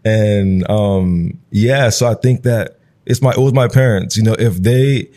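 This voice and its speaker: In a conversational interview, a Nigerian-born guest in his thirties, whose first language is Igbo, speaks at a measured pace with a fairly low, dark voice. He reflects loosely, sprinkling in plenty of "like" and "you know."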